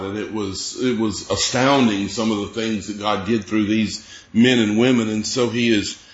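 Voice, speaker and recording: A man's voice: on the low side, echoey room, dull audio. A man preaching a sermon, explaining scripture in an earnest way and reading verses aloud.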